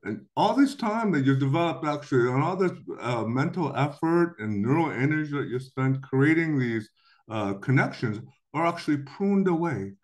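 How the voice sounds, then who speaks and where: A middle-aged Korean man delivers a recorded lecture to a webcam indoors. His fairly high, expressive voice rises and falls a lot as he explains, and he breaks into quick acted-out quotes.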